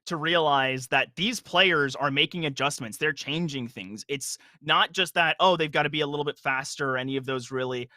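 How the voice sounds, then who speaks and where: A young man casting an esports match live, talking in a quick, analytical flow that often restarts itself mid-phrase. His voice is very bright and sharp, sitting a little high for a man. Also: dry recording. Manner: energetic analytical play-by-play, frequent restarts. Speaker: esports color commentator. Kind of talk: live game commentary.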